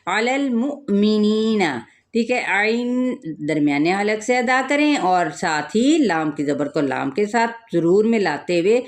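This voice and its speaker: A woman teaching a tajweed lesson, explaining each rule and then reciting the words slowly and drawn out, asking and answering her own questions. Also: mid-range voice.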